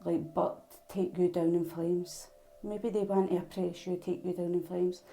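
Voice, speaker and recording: A woman's voice: lowish voice, level tone, measured pace, gravelly, mellow, rough recording. A Scottish woman with a Glasgow accent, giving a casual, rambling tarot reading straight to the viewer. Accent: Glaswegian Scottish. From Glasgow, Scotland. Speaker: tarot reader.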